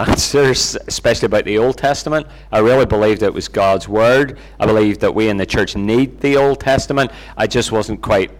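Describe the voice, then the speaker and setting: A middle-aged Northern Irish man from near Belfast, a Bible teacher appearing as an interview guest, tells personal stories in an informal, conversational, self-deprecating way. His voice sits lowish, and the recording quality is low.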